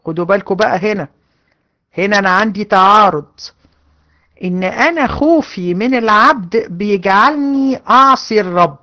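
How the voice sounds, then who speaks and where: Addressing her women students head-on, an Egyptian-accented woman delivers an earnest hadith lesson full of repetition. She speaks at a moderate pace in an expressive, bright, forceful mid-range voice.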